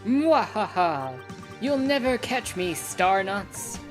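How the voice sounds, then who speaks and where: A woman voicing a dashing thief villain with slow, theatrical, grandly menacing delivery, as in a video game read-aloud. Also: on the high side, expressive, soft background music. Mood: gloating menace.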